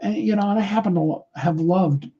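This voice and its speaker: Speaking fairly quickly in a warm high tenor, a middle-aged man offers a motivational talk on a live call, earnest and rambling with lots of fillers. The sound is lo-fi.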